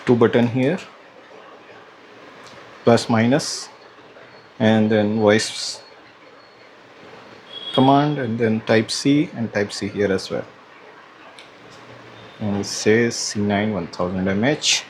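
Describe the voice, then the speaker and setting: Unboxing a product on his vlog, a man talks casually and hesitantly, thinking out loud as he goes. His voice is fairly low and he speaks slowly with frequent pauses. The audio quality is poor, with clear background noise and room ambience.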